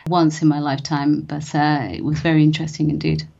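A low-pitched woman talks freely as a podcast guest, laughing often and restarting her sentences. Her recording sounds slightly dull and lo-fi. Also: flat delivery, brisk, creaky, warm tone. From England. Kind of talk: casual interview chat.

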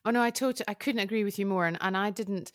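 A woman hosting an interview, chatting casually with quick asides and eager agreement. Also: medium pitch, no room sound, clean studio sound. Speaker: interviewer, host.

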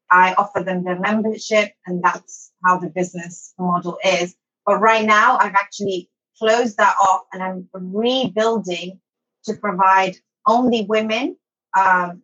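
In a lo-fi recording, an online English teacher who was born in Somalia, moved to Saudi Arabia as a child and later settled in London shares her personal story as a relaxed interview guest. Her voice is mid-range, bright and husky, with a forceful tone.

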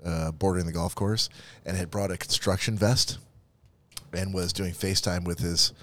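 Man, fairly low voice, podcast co-host, rambling casual anecdotes. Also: fairly even intonation, moderate pace, a bit bright. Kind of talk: casual chat.

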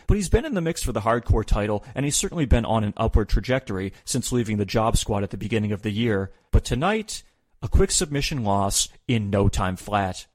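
A man's voice: medium pitch, a little mellow, no echo. A man hosting a podcast, reading a wry, opinionated recap with the odd swear. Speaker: podcast host. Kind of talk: scripted recap narration.

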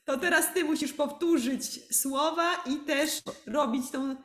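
Female Polish teacher, podcast co-host; slightly high voice, unhurried teaching pace, echoey room. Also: a bit bright. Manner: slow, clear teaching delivery with frequent laughs. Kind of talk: Polish language lesson.

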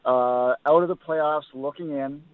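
Hockey insider on a tinny phone line. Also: male voice, on the high side, unhurried, no echo. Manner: thoughtful, hedging, with many ums. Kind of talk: phone-in sports analysis. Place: car while driving.

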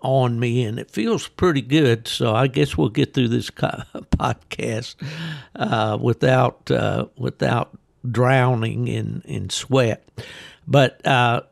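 Older man, American, creaky gravelly voice, folksy podcast host, casual rambling chat, dry close sound. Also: medium pitch, slow pace, no room sound. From West Virginia, United States. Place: at home in a hot room he calls a sauna, fan and ice bucket.

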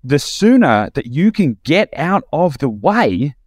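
A man's voice: on the high side, big pitch swings, slow pace, no room sound, clean studio sound. A man hosting a podcast, talking reflectively and enthusiastically, rambling with restarts. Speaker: podcast host. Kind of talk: casual podcast conversation.

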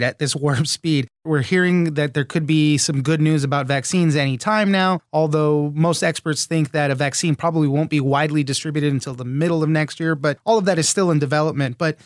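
A man's voice: on the high side, no echo, studio quality. An American man speaking as a news podcast host, moving between scripted reporting and interview questions.

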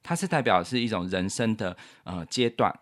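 A man's voice: fairly low pitch, animated, normal speed. A man co-hosting a casual chat, patiently explaining his piano composition step by step and counting beats aloud.

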